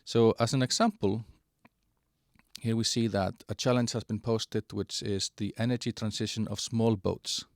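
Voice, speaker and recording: A man giving a halting walkthrough of an online platform, with many fillers and restarts. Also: on the low side, steady tone, no echo, clean studio sound. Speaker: presenter of a digital platform. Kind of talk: screen-share product walkthrough.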